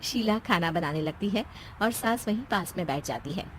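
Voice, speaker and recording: A woman's voice: on the low side, expressive, moderate pace, fairly bright tone, slight background noise. A woman narrating a scripted children's story in the present tense.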